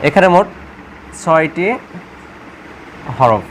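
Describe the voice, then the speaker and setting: A man's voice: fairly high pitch, animated, fairly bright tone, slight background noise. Patient Bengali-speaking male teacher. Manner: patient, repeats questions and answers them himself; recites letters slowly one by one. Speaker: Quran reading teacher. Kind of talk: step-by-step spoken lesson.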